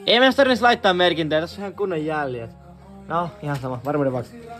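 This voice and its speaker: A young man casually narrating a garage vlog, joking and swearing as he works. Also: on the high side. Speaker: vlogger. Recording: music playing loudly in the garage. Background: loud music playing.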